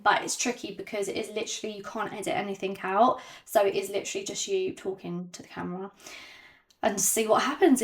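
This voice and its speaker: A woman vlogging to camera without a script, hesitant and self-conscious, with many ums and pauses, and slightly out of breath. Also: mid-range voice. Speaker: YouTuber. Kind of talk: unscripted talk to camera.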